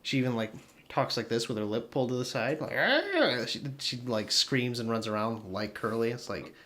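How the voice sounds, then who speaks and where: A man co-hosting a casual podcast, animated, swearing freely and laughing often. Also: mid-range voice, brisk. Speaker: podcast co-host. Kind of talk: casual chat.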